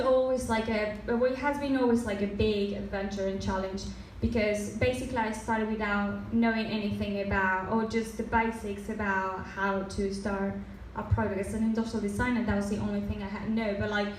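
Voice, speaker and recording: This design presenter, a young Mexican native Spanish speaker whose accent picked up some Australian from years there, talks loosely with many fillers and restarts. Her mid-range voice keeps fairly even intonation at a moderate pace, captured distantly in a roomy event room with faint background noise.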